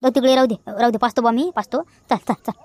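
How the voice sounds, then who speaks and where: A woman's voice: on the high side, fast, darkish tone, slight background noise, lightly acted. A woman with a Vidarbha Marathi accent playing a bossy village woman in a rustic comedy sketch.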